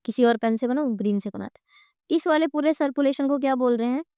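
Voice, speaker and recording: High-pitched teacher woman with sore throat. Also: fast talker, mellow, clear, resonant tone, dry recording, clean studio sound. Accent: Indian. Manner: quizzing students with repeated questions; drawing on a board while explaining. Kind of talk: exam-prep lecture.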